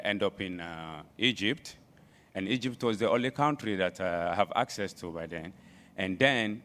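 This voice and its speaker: Deep-voiced West African man. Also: a bit bright. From Ivory Coast. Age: late 30s. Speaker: student panelist. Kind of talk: personal account at a panel.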